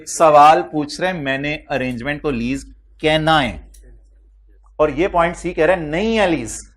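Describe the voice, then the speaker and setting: A male lecturer with a Pakistani Urdu accent teaches an accounting class. His delivery is animated, and he fires quick questions at the students as he works through the material. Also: on the high side.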